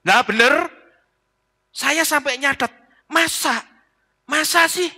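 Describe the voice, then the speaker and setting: A man voicing annoyed church elders who press their pastor in a high, insistent voice. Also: a little slow, vocal fry, bright, forceful tone, heavily acted.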